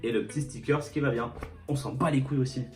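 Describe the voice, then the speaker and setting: A man's voice: mid-range voice, steady tone, fast talker, darkish tone. Young man, casual vlog, crude jokes, rambling fillers, phone camera, faint guitar music behind. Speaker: vlogger. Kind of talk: casual storytime and clothing haul.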